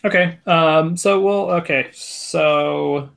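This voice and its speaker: Gravelly-voiced young game master who talks in rambling, halting asides. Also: male voice, fairly high pitch, fairly bright tone. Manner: rambling, hesitant, many fillers. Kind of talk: casual tabletop game narration.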